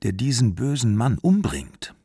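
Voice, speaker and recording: Desperate haunted young mom, as a man reads her, gravelly low voice, dry close sound, earnest and pleading. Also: big pitch swings, measured pace, warm tone, no room sound, heavily acted. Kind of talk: literary audiobook reading.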